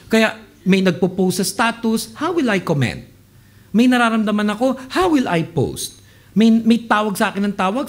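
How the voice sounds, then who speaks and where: A man in his late twenties preaching a sermon, telling stories and acting out the people he quotes. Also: sits high. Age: late 20s. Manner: animated storytelling, mixing Tagalog and English, acting out quoted people. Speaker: pastor.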